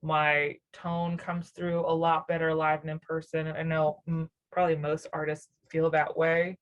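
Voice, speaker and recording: The sound is lo-fi, and the woman's voice is low-pitched, level, and unhurried. She's a young musician from the Nashville, Tennessee area of the American South, casually chatting on an interview show in a rambling, reflective way, with frequent laughter and many fillers.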